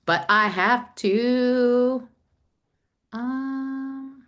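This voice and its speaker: A woman giving an excited, fast, chatty online presentation over a video call. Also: mid-range voice, lo-fi sound. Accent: Nebraska. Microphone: computer mic on a video call.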